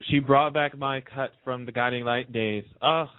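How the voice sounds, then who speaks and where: With a medium pitch, fairly even intonation and a clear, resonant tone, the male radio host talks at normal speed about TV soaps in an eager, opinionated, gossipy way. There's no room sound, just a narrow, tinny phone-line quality.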